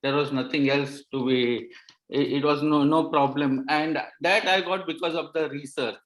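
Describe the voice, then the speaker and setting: A man who is a pathology resident gives earnest, halting advice on an online panel, with many restarts. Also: on the high side, fairly even intonation, fairly bright tone. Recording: roomy echoey audio.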